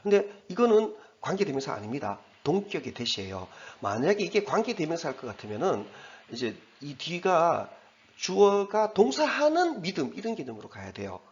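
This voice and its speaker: A man's voice: on the high side, very animated, moderate pace, lo-fi sound. A man teaching English grammar in Korean, explaining step by step and slipping English terms into his explanations. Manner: explains step by step, pointing at the text on the board. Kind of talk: recorded exam-prep lecture.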